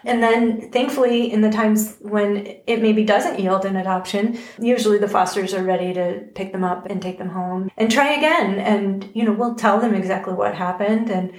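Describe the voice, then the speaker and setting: A woman's voice: medium pitch, steady tone, normal speed, few pauses. A woman co-hosting a podcast from an animal rescue, chatting casually and explaining the process, her voice carrying a noticeable echo. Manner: chatty and matter-of-fact, explaining the adoption process. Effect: echoey, roomy sound on her mic. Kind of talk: casual chat. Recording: echoey room with faint background noise.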